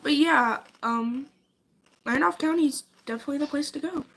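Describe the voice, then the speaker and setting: A woman's voice: high voice, moderate pace, creaky, fairly bright tone, a little hiss or hum, low-quality recording. A congested young woman hosting her channel, chatting eagerly and giggling about haunted places. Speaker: channel host. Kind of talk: casual chat.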